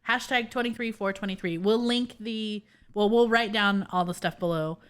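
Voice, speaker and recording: A woman's voice: medium pitch, moderate pace, fairly bright tone, clean tone. A woman co-hosting a casual podcast chat, easygoing and full of fillers, leading the sign-off. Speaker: podcast co-host.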